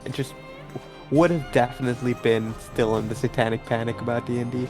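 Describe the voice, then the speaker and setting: A man from Trinidad, whose accent blends Trinidadian and New York, chats casually on a stream and laughs a lot. His mid-range voice is level and brisk, heard over music.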